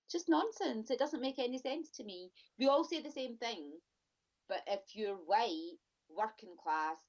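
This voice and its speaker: A woman with a fairly high voice speaks at a measured pace as a guest in a podcast interview. She talks emphatically in a conversational way, often repeating and restarting her phrases. The audio is lo-fi and dull.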